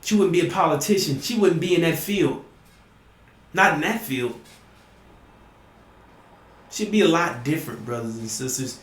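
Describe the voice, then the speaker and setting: A man preaching emphatically to his listeners, often asking "you see?" and sometimes rising to a shout. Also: on the high side, expressive, normal speed, long pauses, echoey room. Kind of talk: impassioned preaching monologue.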